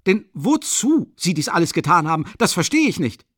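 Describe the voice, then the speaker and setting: Man doing a shrill, furious young idealist. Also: animated, normal speed, fairly bright tone, no room sound, clean studio sound. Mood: indignant. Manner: shrill, vehement, repeating himself. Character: young earnest indignant male idealist.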